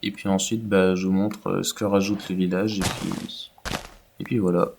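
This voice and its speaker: A man's voice: sits low, flat delivery, moderate pace, creaky, noisy background. A man giving casual, rambling commentary over his own video game play, with many fillers. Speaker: gaming YouTuber.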